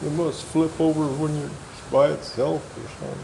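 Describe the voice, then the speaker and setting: Brief: older man, gravelly voice, swears constantly as he tinkers, workshop noise behind him. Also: fairly high pitch, little pitch movement, a little fast, mellow, rough recording. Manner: gruff, swears a lot, mutters complaints. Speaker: host's father. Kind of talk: casual chat while fixing a vehicle.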